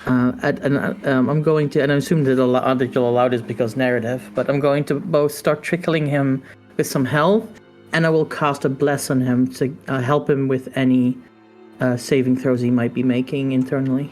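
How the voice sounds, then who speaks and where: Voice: medium pitch, steady tone, moderate pace, darkish tone. A player at a tabletop game talks in a mid-range voice, hesitant and full of fillers as they describe their character's actions. Faint music sits underneath. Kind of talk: casual tabletop play.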